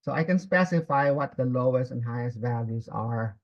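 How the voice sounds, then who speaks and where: A man's voice: mid-range voice, moderate pace. A man instructing in a step-by-step spreadsheet tutorial, dictating formulas piece by piece and checking in with learners. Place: screen-recorded lesson at a computer. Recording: slightly dull, muffled audio.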